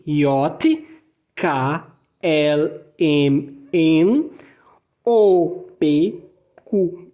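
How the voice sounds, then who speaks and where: A woman's voice: lowish voice, darkish tone. A woman with a Brazilian Portuguese accent teaching a German language lesson, patiently repeating letters and words for practice.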